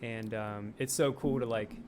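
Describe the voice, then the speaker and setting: A man in his late twenties, a sketch comedian talking casually as a podcast guest, animated and swearing freely. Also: on the low side, unhurried, slight background noise. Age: late 20s. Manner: animated, swearing, laughing often.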